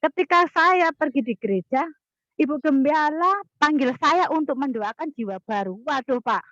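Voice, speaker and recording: A woman with a fairly high voice tells a personal testimony to her class over a video call. She speaks earnestly and haltingly and repeats herself. The audio is dull and dry. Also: expressive, a bit bright, no room sound. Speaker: participant in an online class.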